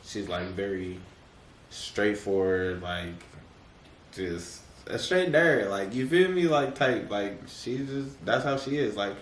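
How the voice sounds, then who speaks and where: A man's voice: fairly low pitch, lively intonation, slow pace. A man chatting casually as a podcast guest, laid-back with lots of slang and fillers, laughing often. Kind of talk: casual chat. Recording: echoey room, mic at a distance, faint noise.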